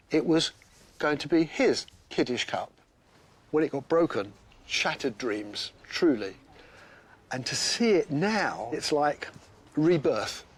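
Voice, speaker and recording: Effusive older man, somewhat high voice. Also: breathy edge. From England. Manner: effusive, repeats his delight. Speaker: guest collecting a repaired heirloom. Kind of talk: emotional casual chat.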